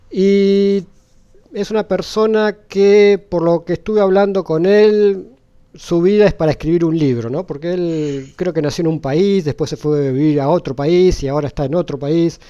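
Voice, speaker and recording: A man hosting a channel, greeting his audience and interviewing a guest in a friendly, drawn-out way. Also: on the high side, warm tone, clean tone, muffled recording. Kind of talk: casual interview.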